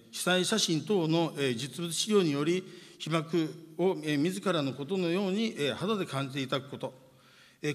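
Man, city mayor, fairly high voice, formal ceremonial speech, frequent drawn-out fillers, long hall reverb. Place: large conference hall.

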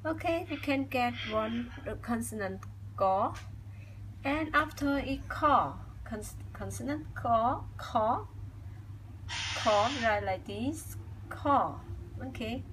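A young Cambodian woman with a Khmer accent teaches her language indoors at a whiteboard, slowly and deliberately repeating each sound many times. Her voice is on the high side, a bit bright, with lively intonation. The audio is poor, carrying a slight hiss or hum.

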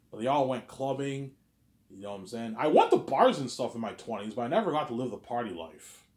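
Addressing his viewers in a rambling solo talk, a man in his 30s keeps repeating himself and stumbling over words. His vlog voice is medium-pitched with a darkish tone, and the sound is roomy.

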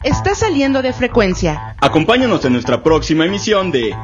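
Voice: mid-range voice, sing-song, fairly quick, highs cut off, over loud music. A produced radio-show outro voice with a clipped radio-operator delivery, sounding like a sci-fi communicator transmission.

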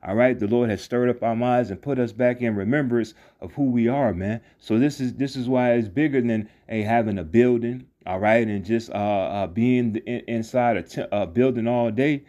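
Heard only as a voice-over on a phone screen recording, this street preacher gives an informal scripture lesson in a mellow, medium-pitched voice, and the recording sounds muffled. He wanders loosely through his points, restarting and filling gaps, often ending phrases with "man," while reading verses at a slow, careful pace.

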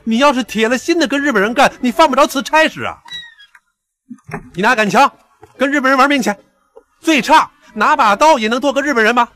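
A man's voice: very high-pitched, a little fast, long pauses, sharp tone. An actor with a Beijing accent playing a blunt man who scolds and lectures his friend. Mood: scolding.

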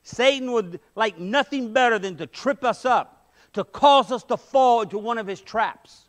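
A man's voice: extremely high pitch, unhurried. A middle-aged man preaching a sermon in a church sanctuary, emphatic, with rhetorical questions, on a headset mic. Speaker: pastor. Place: church sanctuary, medium-sized, indoors.

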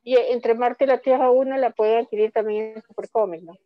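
A woman's voice: on the high side, steady tone, brisk, no room sound. Chatty woman on a dull, dry line. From Ecuador. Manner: chatty, rambling with many restarts. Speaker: comic author. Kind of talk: online book fair presentation.

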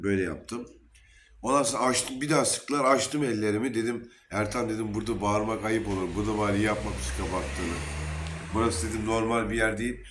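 A man's voice: fairly low pitch, a bit bright. A man earnestly telling an emotional personal story at a Sufi lodge gathering, quoting the dialogue as he goes. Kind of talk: casual spoken testimony.

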